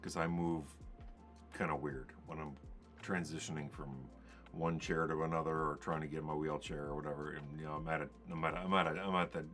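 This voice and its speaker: A man's voice: a bass voice, little pitch movement, fairly quick, fairly bright tone, faint music behind. A man telling stories on a podcast in a rambling, conversational way, acting out the dialogue he quotes. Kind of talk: casual podcast storytelling.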